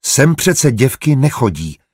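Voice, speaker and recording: A man voicing a bold, sharp-tongued traveling woman in an audiobook, speaking sarcastically with a husky voice. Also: on the low side, animated, no echo, studio quality. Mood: biting. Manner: sarcastic, biting.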